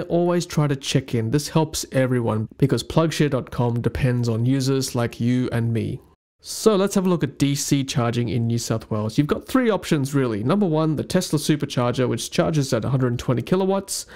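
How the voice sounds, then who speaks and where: A young man with a medium-pitched, darkish voice hosts his channel, delivering an upbeat, methodical voice-over that explains a map with slides and lists tips by number.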